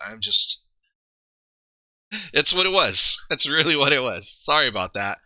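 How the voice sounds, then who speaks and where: A man's voice: mid-range voice, pushed and bright, no echo. A man streaming live, rambling casually to his viewers, trailing off and poking fun at himself. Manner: rambling, self-deprecating, trails off and restarts.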